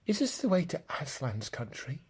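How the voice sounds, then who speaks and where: Guy putting on a little girl voice, high, pleading, begging, husky underneath. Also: very animated, normal speed, a little mellow, exaggerated voice. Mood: polite. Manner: pleading, higher, breathless. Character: young girl, eager and pleading.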